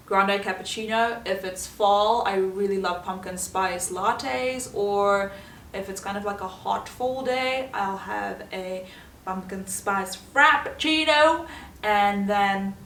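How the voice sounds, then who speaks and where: Speaking in a mid-range, fairly bright voice, a South African woman with an accent and Afrikaans as her first language chats casually about herself as a vlogger. She's giggly and talkative, laughing often. Slight background noise and a roomy echo make her voice sound far away.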